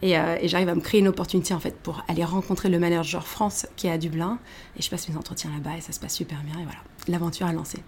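A woman's voice: lowish voice, rapid-fire, a little hiss or hum. French woman telling her career story. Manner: animated, many fillers and restarts. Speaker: guest. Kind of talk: casual interview storytelling.

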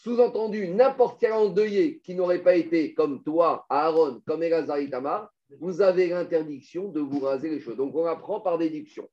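A man's voice: a little high, normal speed, dull audio. A man teaching a Talmud class, explaining step by step and putting questions to his students.

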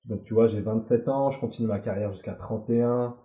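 Man in his forties, very dark voice, blunt and swearing, candid interview, echoey room. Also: on the low side, fairly even intonation, a little fast. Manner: emotional, blunt, swears freely. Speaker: guest, former Olympic athlete. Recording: roomy echo.

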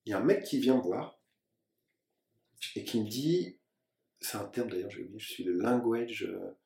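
A man from France, an actor, telling lively anecdotes in casual conversation and acting out other people's lines. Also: fairly low pitch, normal speed, creaky. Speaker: actor and guest. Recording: roomy sound from a distant mic.

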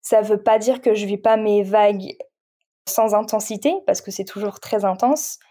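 Woman on a podcast, warm mellow tone, chatty and candid, lots of little restarts. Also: mid-range voice, fairly even intonation. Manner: reflective, frank, talks in halting restarts. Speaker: podcast guest. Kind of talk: casual conversational interview.

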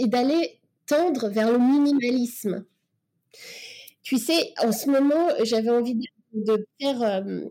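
A woman's voice: on the high side, mellow. A woman in casual podcast conversation, talking in a reflective, coaching way with many fillers and restarts.

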